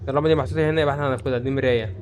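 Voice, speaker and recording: A young man with an Egyptian Arabic accent doing excitable let's-play commentary, talking back to the game's characters. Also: mid-range voice, very fast. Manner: excitable, talks to the game characters. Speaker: gaming YouTuber. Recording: game music behind voice. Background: game music.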